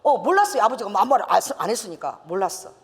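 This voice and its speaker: Older woman pastor, sermon testimony, animated storytelling, long reverb of a church hall. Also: medium pitch, very fast. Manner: storytelling with laughs and acted quotes. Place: church sanctuary.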